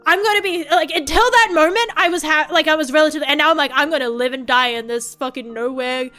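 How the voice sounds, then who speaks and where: Faint music sits behind a high, bright-voiced Australian woman streaming as a vtuber. She chats loosely with viewers, wandering from point to point, cursing a lot and laughing in quick little bursts.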